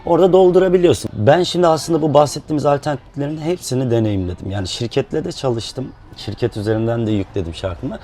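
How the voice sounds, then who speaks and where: A man speaking in a relaxed, explanatory way, with fillers, as a musician guest in a casual chat. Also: medium pitch, quick pace, few pauses, faint music behind.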